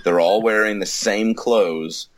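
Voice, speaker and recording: A man's voice: fairly low pitch, slow pace, dry recording. A man co-hosting a casual movie review podcast, with dry, wry humor. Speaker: podcast co-host.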